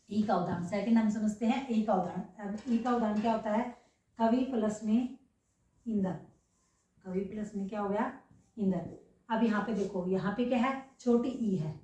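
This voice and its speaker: Heard from a distance in a room full of echo, a woman with a medium-pitched, dark voice gives a grammar lesson, and the high frequencies are cut off. She repeatedly asks rhetorical questions and checks her students' comprehension.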